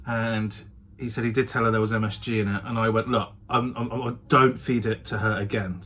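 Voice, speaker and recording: Talking casually to the camera, this vlogger keeps hedging and correcting himself as he chats. He speaks a little fast in a low, steady, fairly bright voice, with slight background noise.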